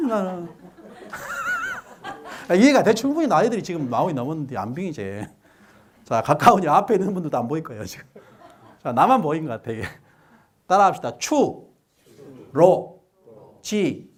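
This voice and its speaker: Lively, joking man lecturing. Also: high voice, husky. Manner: joking, quizzes the audience and has them repeat after him. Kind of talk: public lecture to a live audience.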